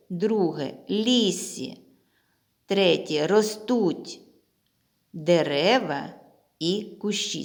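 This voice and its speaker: Woman, teacher, children's literacy lesson, slow pace, drawn-out vowels, chanting letters. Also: on the low side. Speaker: primary school teacher.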